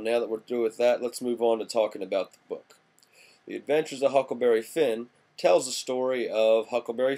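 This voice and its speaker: A man's voice: on the low side, darkish tone, close to an everyday voice. A man playing a folksy, rambling small-town man from the 1890s, talking through an acted class monologue. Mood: lecturing. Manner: folksy and rambling, drawling country slang. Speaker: student presenter in character.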